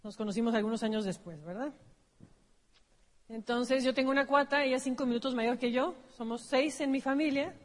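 A Mexican woman tells her own story to a seminar audience and corrects herself as she goes. Her voice sits fairly high. The long reverb of a large hall trails after her words. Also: fairly quick. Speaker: business seminar presenter. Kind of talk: personal storytelling on stage.

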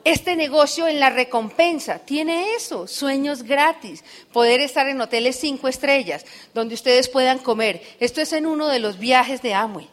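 A middle-aged woman speaks from a stage in a fairly high voice. She tells stories with lively energy and keeps pulling the crowd in with rhetorical questions, as in a motivational business talk. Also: moderate pace, few pauses. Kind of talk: live motivational speech to an audience.

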